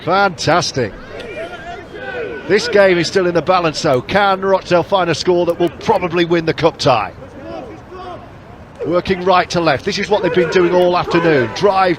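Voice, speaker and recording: A man giving live play-by-play commentary on a rugby league match, rising to shouts at big hits. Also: high-pitched. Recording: crowd noise behind.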